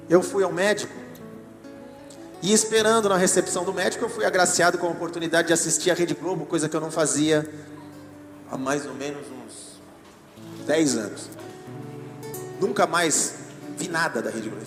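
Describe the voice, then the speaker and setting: A man's voice: on the high side, normal speed, long pauses. A man with a Brazilian Portuguese accent preaching a sermon as pastor, chatty and joking, with asides to the congregation. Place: church hall. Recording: echoey church hall with music. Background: music.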